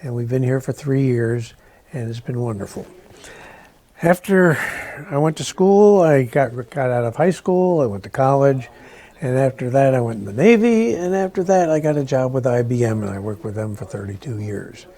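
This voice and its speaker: A man's voice: mid-range voice, animated, moderate pace, mellow. An older man introducing himself as a council candidate, talking plainly and conversationally. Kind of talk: personal introduction.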